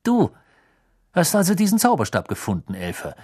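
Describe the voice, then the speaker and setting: A man's voice: on the high side, wildly swooping pitch, normal speed, a little mellow, breathy edge, voice pushed up, exaggerated voice. A man voicing a harsh, suspicious male ministry official who blusters and accuses. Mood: blustering.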